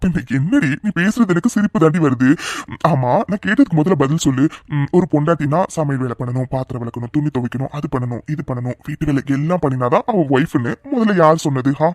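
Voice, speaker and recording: Brief: a man playing a chatty, teasing young cartoon husband, quick delivery, dry close recording. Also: on the high side, expressive, darkish tone, no room sound, close to an everyday voice.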